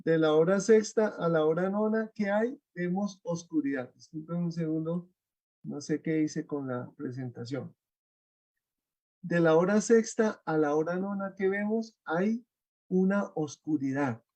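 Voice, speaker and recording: Brief: male lecturer, webinar lecture, high mellow voice, unhurried, explanatory, often asks the audience to confirm, heard over a video call. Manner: explanatory, checks in with rhetorical questions.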